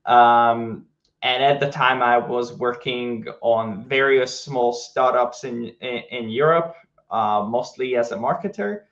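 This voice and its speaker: A man from Hungary with a Hungarian accent, a game studio co-founder chatting casually in an interview, relaxed and full of fillers and restarts. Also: mid-range voice, slow, dull audio.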